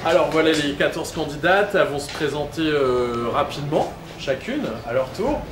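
A man's voice: fairly high pitch, animated, moderate pace. A middle-aged man hosting a pageant event, announcing to a live audience in an upbeat way with many filler sounds. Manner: upbeat, with frequent "euh" fillers. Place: event hall with a sponsor backdrop. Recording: echoey room, camera far off, background noise.

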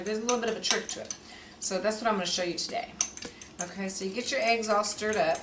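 Pans sizzle and utensils clink as a woman with a higher-pitched voice runs a folksy home cooking demo, chatting along and often asking "okay?" The kitchen is echoey, her voice comes from far off, and cooking noise is loud throughout.

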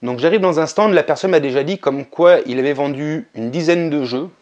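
A man narrating a casual vlog, relaxed and chatty, with frequent hesitations. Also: a little high, brisk, dull audio. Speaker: video game collector vlogger.

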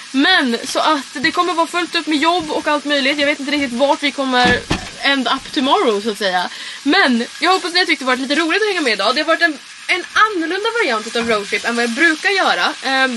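With a high voice, a woman in her twenties chats informally to camera as she vlogs a road trip. She's in and around a camper van and car, recorded on a handheld vlog camera whose audio includes clear background noise.

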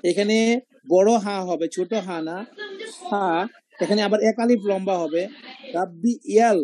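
A man's voice: high-pitched, normal speed, dark tone. A man teaching a Quran recitation class over a video call, explaining pronunciation step by step and repeating sounds. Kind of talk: online class discussion.

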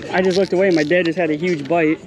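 Excited young man narrating fishing outdoors. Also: fairly high pitch, fast talker, noisy background. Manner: excited, chatty, calls viewers "guys" and "bro". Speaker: fishing vlogger host. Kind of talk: casual running commentary. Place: outdoors on a small boat on a bay. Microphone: body-worn action camera. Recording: music playing underneath.

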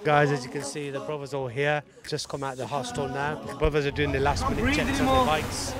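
A man's voice: a little high, fairly quick, a loud crowd. A man casually narrating the scene to camera outdoors before a group bike ride. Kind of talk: casual vlog talk.

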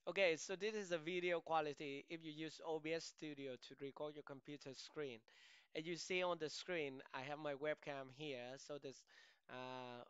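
A man walks through a screen-recording software tutorial, speaking in a halting way and often circling back to restart his phrases. His voice sits a little high and comes across smooth and clear. It was recorded in a dry home studio, with a slightly dull sound. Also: fairly even intonation, dry recording.

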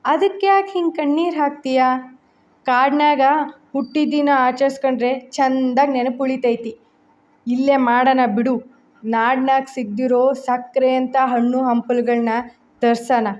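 A woman's voice: high-pitched, steady tone, measured pace, a little mellow, lo-fi sound. A woman voicing a fearless young forest woman who speaks in a rustic village dialect. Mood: reassuring.

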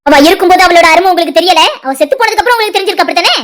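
Woman voicing a sharp-tongued angry young wife. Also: extremely high pitch, racing. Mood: furious. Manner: accusing, biting sarcasm. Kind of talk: cartoon drama voice acting.

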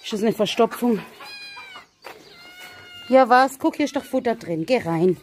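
Slow-talking German woman vlogging with animals. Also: fairly high pitch, animated, a little hiss or hum. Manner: chatty, coaxing pets with pet names. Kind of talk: casual vlog talking to viewers and animals. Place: outdoors in a hot village yard with animal pens.

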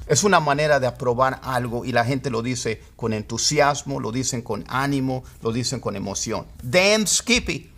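A man teaching English idioms. He explains patiently and repeats phrases slowly, word by word. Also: medium pitch, a bit bright. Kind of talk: Spanish-language lesson on English idioms.

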